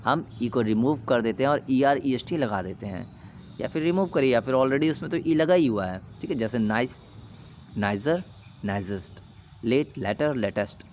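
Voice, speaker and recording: A man teaching an English grammar lesson, explaining in Hindi and reading English rules slowly, with an Indian accent. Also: mid-range voice, animated, a little mellow, a little hiss or hum.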